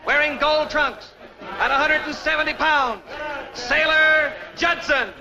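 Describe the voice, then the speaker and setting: A man announcing a boxing match from the ring. His voice is strikingly high, with slow, stretched, formal phrasing. The sound is a dull vintage film track. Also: fairly even intonation, a crowd in the background. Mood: formal, proclaiming. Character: boxing ring announcer introducing two fighters.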